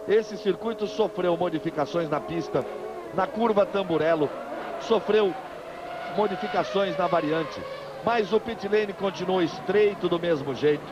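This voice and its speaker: A Brazilian man delivers emphatic live motorsport commentary in a high voice, often repeating himself. The broadcast sound is dull and lo-fi, with clear vehicle noise behind him. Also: a little slow. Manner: emphatic, repeats positions and phrases. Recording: dull, noisy old TV broadcast.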